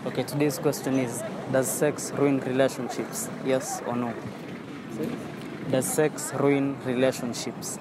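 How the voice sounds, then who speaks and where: A young man hosting a casual street interview outdoors on a campus, asking quick upbeat questions into a handheld phone. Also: medium pitch, flat delivery, very noisy. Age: young adult. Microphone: handheld phone held out to guests.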